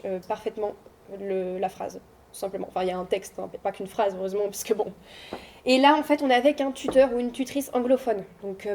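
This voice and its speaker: Speaking warmly to a group of high school students in a classroom, a young woman who is a student herself offers an easygoing, comforting talk. She pauses frequently and uses many fillers, with a bit of noise in the background.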